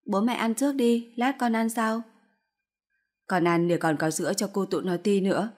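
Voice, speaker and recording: A woman's voice: mid-range voice, moderate pace, darkish tone, close to an everyday voice. A woman voicing a fierce older mother-in-law who scolds harshly in a storybook reading. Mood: gentle coaxing.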